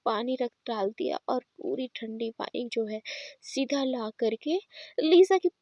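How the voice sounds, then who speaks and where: A woman's voice: on the high side, expressive, a little slow, warm tone, dry recording, lo-fi sound. A woman narrating a story in a chatty, casual way, often correcting herself. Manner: chatty, with frequent self-corrections.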